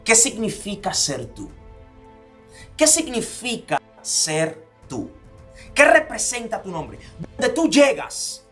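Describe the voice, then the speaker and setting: Dominican guy preaching self-help, punchy repeated questions, soft music under him. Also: high voice, wildly swooping pitch, slow. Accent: Dominican Spanish. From Dominican Republic. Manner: emphatic, fires repeated rhetorical questions, drops to near-whispers for stress. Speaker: motivational speaker. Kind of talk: motivational talk.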